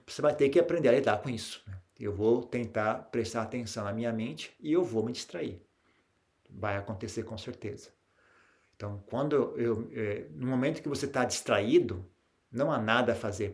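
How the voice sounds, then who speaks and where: Calm Brazilian monk giving a Dharma talk. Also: male voice, mid-range voice, moderate pace. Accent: Brazilian Portuguese. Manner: calm, tag questions, frequent restarts; grows animated when telling anecdotes. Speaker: Buddhist monk teacher.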